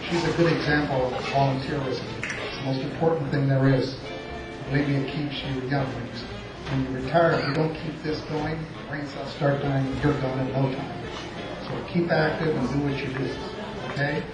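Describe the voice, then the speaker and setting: A man's voice: medium pitch, steady tone, normal speed, over loud music. A man giving a short folksy, emphatic speech at a celebration. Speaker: speaker at a celebration. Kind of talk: speech to a room. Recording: echoey hall, far from mic.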